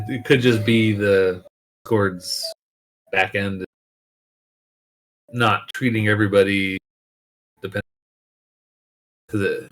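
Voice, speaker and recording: Lower-voiced man musing on a voice call. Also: low-quality recording. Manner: musing, uncertain, repeats himself. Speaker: player. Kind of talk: casual chat over voice call.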